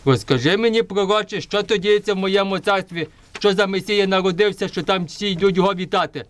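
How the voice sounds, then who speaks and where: Man acting pompous high-voiced tyrant King Herod. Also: a little fast, lightly acted. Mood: imperious. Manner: pompous, commanding. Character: wrathful, boastful tyrant King Herod of puppet theatre. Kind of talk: declamatory folk nativity puppet play.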